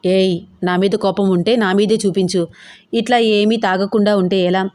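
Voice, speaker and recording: A playful young husband who coaxes and teases his wife, bossy one moment and sweet the next, as a woman narrator puts him on. The voice sits at a middle pitch and close and dry, as in a storybook audio drama. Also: fairly even intonation, moderate pace, a little mellow, no echo, lightly acted. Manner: cajoling, teasing.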